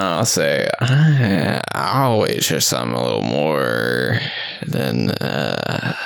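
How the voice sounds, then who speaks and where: A man playing a tabletop game, speaking slowly and gravelly with wide pitch swings. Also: no echo, studio quality. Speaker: player.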